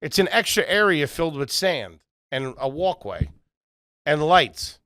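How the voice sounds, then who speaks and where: A man's voice: a little high, very animated, measured pace, bright, forceful tone, dry recording. A man co-hosting a comedy podcast, arguing his point insistently in casual banter. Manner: argumentative and insistent. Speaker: podcast co-host.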